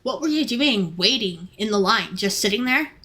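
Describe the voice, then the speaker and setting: A young woman who works in fast food, ranting about customers in an exasperated, sarcastic vlog. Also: medium pitch, lively intonation, bright, forceful tone. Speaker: fast food worker and vlogger.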